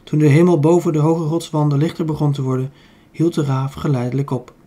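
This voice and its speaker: A man's voice: on the high side, flat delivery, a little fast, dark tone. A man with a Dutch accent reading a children's book aloud, with small slips he corrects as he goes. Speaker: audiobook reader.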